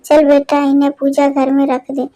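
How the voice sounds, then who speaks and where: A woman voicing a stern, gruff middle-aged village father in a storybook tale. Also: sits high, completely flat delivery, moderate pace, mellow, close to an everyday voice. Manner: gruff and scolding.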